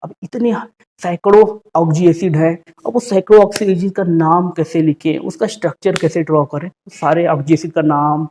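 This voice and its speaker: Mellow-voiced man teaching chemistry. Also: fairly high pitch, fairly even intonation. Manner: repeats key rules, slow dictation of formulas. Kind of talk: classroom lecture.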